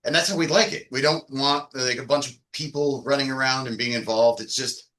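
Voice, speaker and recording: A man from the Chicago area talks casually on a podcast, rambling easily through his explanations. His voice has a bright, forceful edge at a middle pitch. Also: steady tone, a little fast. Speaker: band member.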